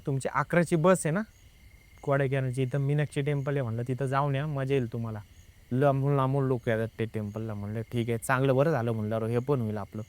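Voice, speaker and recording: A young man sits as a guest and recounts something that happened to him, in a loose, chatty way. He keeps slipping into the voices of the people involved, tagging line after line with "I said". His voice sits at an ordinary pitch for a man. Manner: lively, re-enacts dialogue with many "I said" tags. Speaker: guest telling a personal ghost experience. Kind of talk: casual spoken storytelling.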